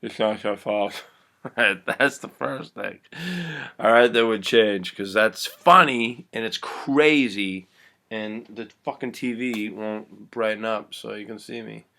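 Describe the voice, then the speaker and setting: Man vlogger, bright tense voice, crude rambling storyteller at home. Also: fairly low pitch, slow pace, creaky. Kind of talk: casual movie retelling.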